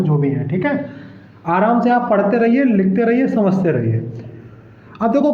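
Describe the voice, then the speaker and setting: A man teaching an exam-prep lesson. He checks often that students follow, repeats key terms, and sounds out syllables one by one. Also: high voice. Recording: echoey dull room recording.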